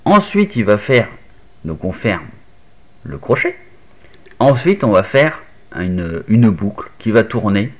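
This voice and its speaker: A man's voice: on the low side, big pitch swings, slow pace, long pauses. A man casually walking the viewer through a hands-on electronics tutorial, step by step, with little fillers like "hop" and "tac". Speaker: maker explaining an Arduino project. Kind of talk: casual screen-recorded tutorial.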